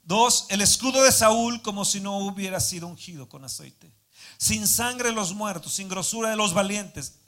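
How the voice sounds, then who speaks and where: A man preaching a sermon, moving from calm Bible reading to fervent shouted declarations, recorded live in a church hall. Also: high-pitched, normal speed. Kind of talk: sermon with prayer.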